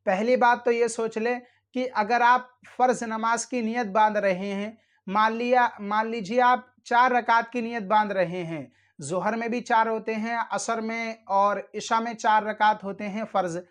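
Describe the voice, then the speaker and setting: Man, high-pitched, channel host giving religious how-to instruction; earnest, admonishing, addresses viewers formally. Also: steady tone, a little slow, fairly bright tone. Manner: earnest, admonishing, repeats warnings. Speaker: channel host teaching prayer rules.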